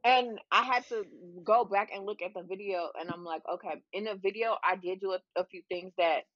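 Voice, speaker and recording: A woman's voice: mid-range voice, fairly quick, dry recording. Candid laughing woman, dry dull sound. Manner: candid, laughing, swears freely. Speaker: guest, adult toy shop owner. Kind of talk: casual podcast chat.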